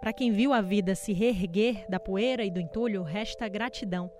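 A woman's voice: medium pitch, music in the background. Solemn woman reporter. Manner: measured, solemn. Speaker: news reporter. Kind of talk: scripted news narration.

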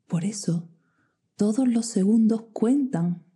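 A woman guiding a meditation in a soft, slow voice that often drops to a whisper. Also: on the high side, breathy edge. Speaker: meditation guide. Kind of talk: guided meditation. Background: soft music with singing bowls.

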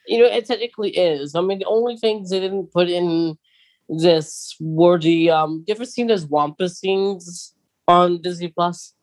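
Speaking a little slowly in a mid-range voice, this podcast co-host steers the casual conversation forward by asking questions. The delivery is hesitant, with frequent "um"s and restarts.

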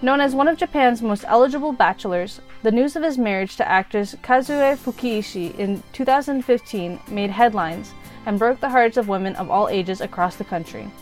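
A woman's voice: a little high, normal speed, poor audio. A woman presenting a scripted top ten music countdown as the show's host. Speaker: podcast host.

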